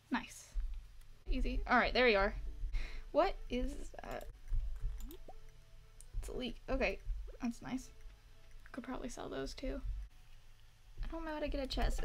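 A young woman casually talking to herself while playing a farming game, chatty and giggly. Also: on the high side. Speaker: gaming streamer. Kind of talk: casual gameplay commentary.

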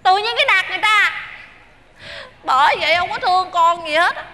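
A woman's voice: extremely high pitch, animated, brisk, long reverb tail, noisy background. A woman playing an anxious, pleading young village woman in a stage comedy. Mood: coaxing.

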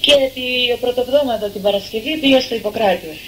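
A woman's voice: a little high, fairly bright tone, a little hiss or hum, poor audio. Earnest older woman telling her story. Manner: earnest, acts out the lines of others. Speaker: testimony giver. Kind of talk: personal testimony storytelling.

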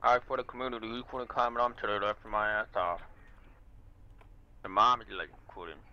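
A man streaming an online shooter, chatting casually with swearing, excitable trash talk into a headset. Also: lowish voice, brisk, lo-fi sound. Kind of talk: casual gaming chat.

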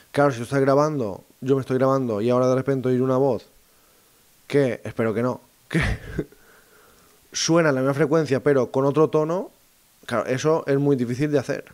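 A man talks in a casual monologue, speaking straight to his listeners and often pausing and restarting his phrases as he thinks aloud. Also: mid-range voice, darkish tone. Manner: addresses listeners directly. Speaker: host of a segment on psychophony.

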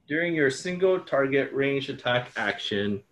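A man's voice: medium pitch, measured pace, slight background noise, poor audio. A man playing a board game, chatting casually and thinking aloud about his moves. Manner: relaxed, thinking aloud, chuckles.

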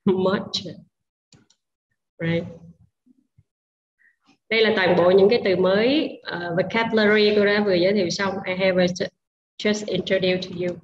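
A woman's voice: medium pitch, a little hiss or hum. A woman teacher with a Vietnamese accent reviewing vocabulary in an online class, switching between Vietnamese and English and stressing syllables patiently. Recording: echoey dull room sound.

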